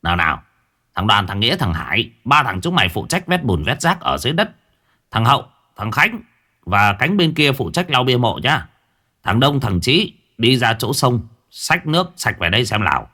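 A man's voice: mid-range voice, very animated, moderate pace, pushed and bright. A man voicing a bossy older village clan elder who barks orders brusquely. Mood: commanding.

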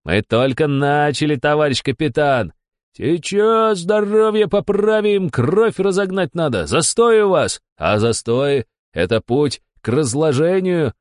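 A man voicing a bossy male devil who barks brisk commands in a storybook reading. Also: on the high side, very animated, no echo, clean studio sound, pitched above the performer's own voice. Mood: barking. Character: bossy male devil posing as a bathhouse zealot.

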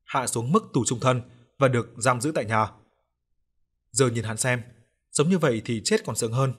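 A man giving steady scripted narration of a ghost story. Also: medium pitch, moderate pace, slightly rough.

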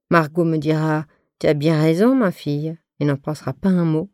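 A woman giving a measured, first-person reading of a literary novel as an audiobook reader. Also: low-pitched, darkish tone, dry recording, studio quality.

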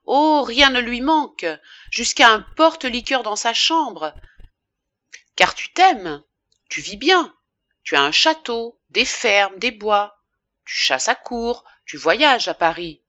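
A woman's voice: mid-range voice, lively intonation, measured pace, no echo, lo-fi sound. A woman voicing a desperate young wife pleading with her former lover, in a dry audiobook reading. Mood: bitter reproach. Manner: pleading, rising and forceful when upset. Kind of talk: audiobook character voice.

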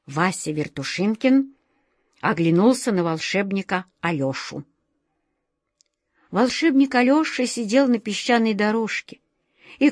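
A woman narrates a children's book in a measured, expressive way. She takes her time and gives every phrase room. The recording is dry and close, with no room sound. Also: medium pitch, dry recording. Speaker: audiobook narrator.

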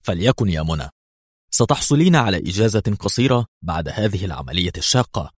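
A man playing a calm, knowing spy chief. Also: deep voice, quick pace, husky, dry recording, exaggerated voice. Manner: calm, wry.

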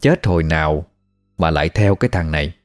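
A man's voice: rumbling low, lively intonation, brisk, no echo, clean studio sound, soft background music, voice pushed down. A man with a Southern Vietnamese accent playing a blunt, scolding old exorcist in a told ghost story. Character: gruff old male village exorcist, fearless.

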